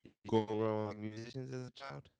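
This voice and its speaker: Brief: very deep male podcast host, easygoing interviewer, dry close sound. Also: fairly even intonation, brisk, gravelly, warm tone, smooth, dry recording, highs cut off. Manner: laid-back, calls people "man". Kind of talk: casual interview. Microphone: video call.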